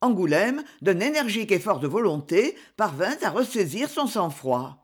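Brief: female audiobook narrator, dramatic, animated pitch. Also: normal speed, breathy edge. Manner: dramatic and expressive. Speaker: audiobook reader. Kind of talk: scripted narration of a novel.

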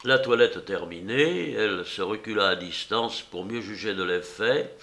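Slow, gravelly male storyteller. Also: lowish voice. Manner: measured, steady storytelling. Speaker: narrator. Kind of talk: audiobook reading.

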